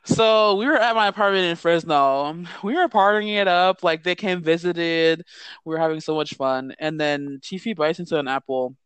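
A man's voice: a little high, normal speed, a bit bright, smooth, dry recording. A man co-hosting a podcast, frank and profane, telling stories in casual chat. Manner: frank, storytelling, swearing. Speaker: podcast co-host.

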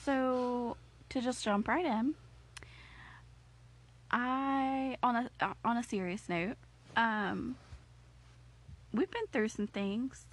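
A woman's voice: on the high side, slow, long pauses. A woman co-hosting a podcast, playful and teasing but earnest when she turns serious. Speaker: podcast co-host. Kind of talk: casual chat.

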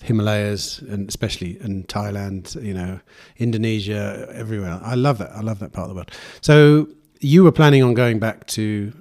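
A man's voice: on the low side, moderate pace, few pauses, darkish tone. A man hosting an interview podcast, asking friendly, loosely worded questions that trail off and restart. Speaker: podcast host. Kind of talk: conversational interview.

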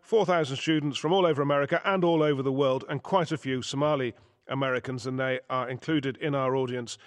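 Brisk male radio news host. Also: medium pitch. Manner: brisk, guiding questions. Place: college hall with live audience.

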